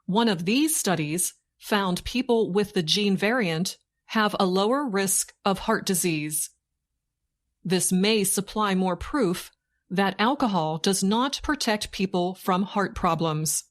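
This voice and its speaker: In a mid-range voice, a woman reads a scripted learning-English news report slowly and deliberately, using short phrases broken by pauses, much like a dictation.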